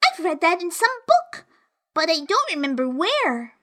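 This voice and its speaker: A woman's voice: very high-pitched, very animated, unhurried, pushed and bright, pitched above the performer's own voice, heavily acted. A woman voicing a curious young girl who complains in a prim, fretful way.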